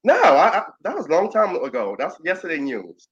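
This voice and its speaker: A man's voice: a little high, huge pitch swings, fairly quick, dull audio. A man giving his opinions in casual chat.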